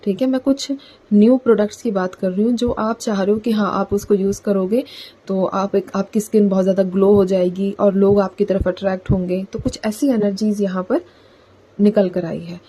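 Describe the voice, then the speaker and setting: A woman's voice: medium pitch, fairly even intonation, normal speed, warm tone, husky, poor audio. A woman giving a casual collective tarot reading to her viewers, talking in a chatty way and often adding "theek hai" as a filler. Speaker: tarot reader.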